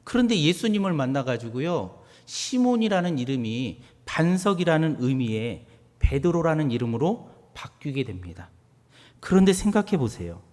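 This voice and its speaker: Animated Korean pastor in a reverberant church. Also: male voice, on the high side, moderate pace. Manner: swings from quiet questions to loud emphatic declarations. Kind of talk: sermon. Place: church sanctuary. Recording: long church hall reverb.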